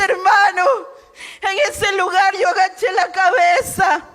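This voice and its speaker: Woman, church testimony, fervent shouted preaching, slow and bright-edged. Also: extremely high pitch. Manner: shouting fervently, addresses listeners as brother.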